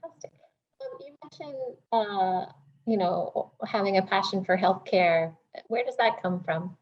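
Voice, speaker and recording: A woman's voice: mid-range voice, expressive, unhurried, dull audio. A woman who is a research director interviewing a guest, friendly and peppered with fillers. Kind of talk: video call interview.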